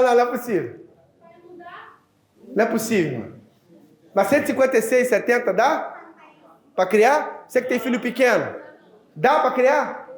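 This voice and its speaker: In a church, a male pastor preaches in a very high-pitched voice that echoes through the roomy space. He tells a story with animated, acted-out dialogue, often calling the congregation "dear ones."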